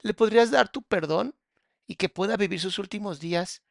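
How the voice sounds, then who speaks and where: A man with a Mexican accent mocks a video in crude, sarcastic commentary. His voice sits a bit high and rasps with gravel, and it sounds dry and close. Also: moderate pace, no echo. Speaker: psychologist reacting to a video.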